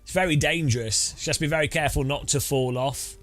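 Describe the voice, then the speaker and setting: Talking fast in a fairly high voice, a man chats with his viewers during a sim racing stream. He drives while teasing them with rambling jokes, and loud electronic music fills the background.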